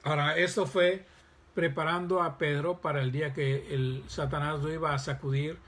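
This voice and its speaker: A male pastor preaching a sermon, reading scripture aloud and pausing with fillers. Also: on the high side, fairly even intonation, fairly bright tone.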